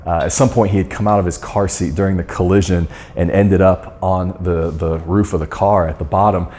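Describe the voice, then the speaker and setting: A man's voice: deep voice, fairly even intonation, a little fast, darkish tone. A man giving a storytelling talk on marketing, earnest and often restarting his sentences. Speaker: guest speaker on dental marketing. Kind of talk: storytelling talk to course members.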